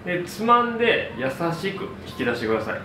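The voice is high and brisk, with large swings in pitch. It belongs to a man in his thirties, a hairdresser cheerfully and warmly walking viewers through a hair tutorial on camera, step by step. Music plays in the background, and the distant mic catches plenty of room echo.

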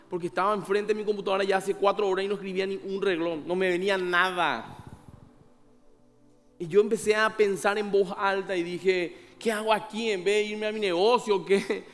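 A man's voice: sits high, fairly bright tone, big-room sound. A man, a pastor preaching a sermon in a conversational way, asking the congregation questions and acting out little scenes of dialogue. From Paraguay. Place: church hall.

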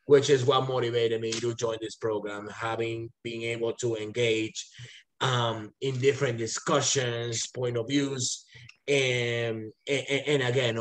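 A man from Venezuela, a company officer and doctoral student, giving a brief, polished introduction on a video call. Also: mid-range voice. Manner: brief, polished, a little nervous. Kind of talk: online roundtable self-introduction.

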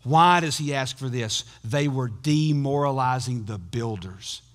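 Alternating between loud, emphatic bursts and hushed, intense asides, a middle-aged male pastor preaches a sermon. His voice is medium in pitch and a little slow, with a long reverb tail.

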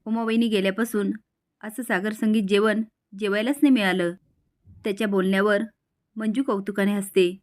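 A woman reading a story recap of a television serial, voicing every part herself in a steady storytelling way. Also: mid-range voice, normal speed. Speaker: narrator.

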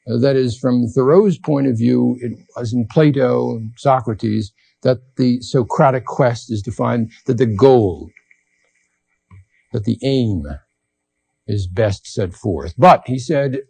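A man giving a lecture, telling a story with frequent pauses and fillers. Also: medium pitch, gravelly, dark tone, husky, dry recording. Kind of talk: recorded academic lecture.

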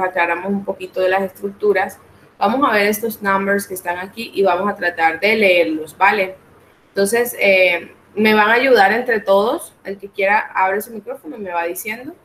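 A woman's voice: medium pitch, a little hiss or hum, poor audio. Patient woman teaching an online class. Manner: patient, explains step by step, asks students to answer. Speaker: English teacher.

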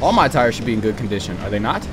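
A man casually commentating a game he plays, excitable, swearing and talking to himself. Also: mid-range voice, very fast, heavy background noise. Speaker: gaming YouTuber. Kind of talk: casual let's-play commentary. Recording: game music playing under voice.

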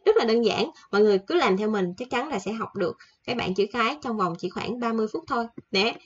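A woman teaching a casual online language lesson, chatty and repeating each example slowly with fillers. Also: on the high side, expressive, slightly rough, highs cut off.

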